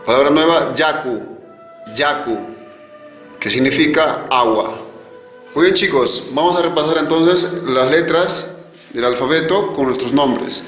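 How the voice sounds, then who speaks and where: A man teaching a virtual language class, slowly repeating each word so learners can echo it. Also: on the high side, fairly bright tone. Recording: echoey room with faint music.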